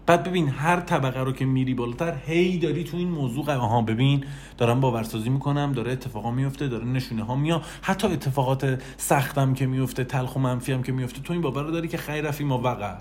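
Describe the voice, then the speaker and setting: A man giving an animated motivational talk, speaking straight to the listener and repeating phrases for emphasis. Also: medium pitch, slight background noise. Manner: animated, repetitive, addresses listener directly. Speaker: self-help speaker.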